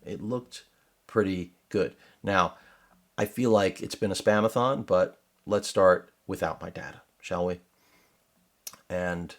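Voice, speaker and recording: A middle-aged man reviewing a laptop in his home studio, talking casually and wandering off on sarcastic tangents. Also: sits low. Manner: rambling, digressive, sarcastic asides. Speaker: tech reviewer. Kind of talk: casual unboxing commentary.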